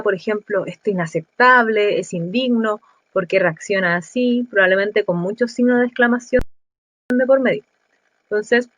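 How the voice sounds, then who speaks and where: A woman's voice: fairly high pitch, dry recording, poor audio. Chatty woman teacher, dry close sound. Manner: conversational, thinking aloud with fillers. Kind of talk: explaining exam answers.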